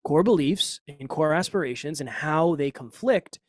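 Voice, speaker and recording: A man's voice: a little high, no echo, studio quality. A man with a Boston accent, a podcast coach talking as a guest in a casual, emphatic conversation. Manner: emphatic, animated, quick asides.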